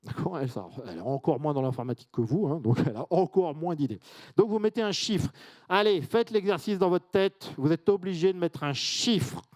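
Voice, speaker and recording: A man's voice: on the high side, lively intonation, fairly quick, darkish tone. A man from France giving an informal conference presentation, chatty, with asides and questions to the audience. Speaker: conference speaker.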